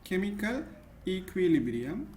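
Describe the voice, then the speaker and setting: In an echoey room with a bit of background noise, a man speaking Sri Lankan English gives one-on-one chemistry tutoring. He's patient and frequently checks in with "right?", his high, darkish voice very animated yet measured in pace.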